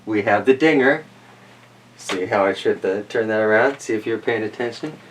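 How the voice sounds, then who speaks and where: A man with a lowish voice at a moderate pace hosts a casual read-aloud of picture books, playful and folksy, drifting into rambling asides. The recording is from a distant mic in a roomy space with slight noise.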